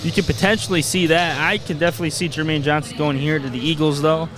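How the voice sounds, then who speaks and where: A man's voice: on the high side, steady tone, fast talker. A man giving casual live sports commentary as a co-commentator, chatting through his opinions. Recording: prominent music behind the voice. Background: music.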